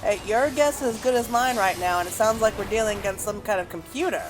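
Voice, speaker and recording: A woman hosts a let's play, giving casual gameplay commentary as she rambles and thinks aloud. Her voice is medium-pitched and fast, with game music in the background. The audio quality is poor.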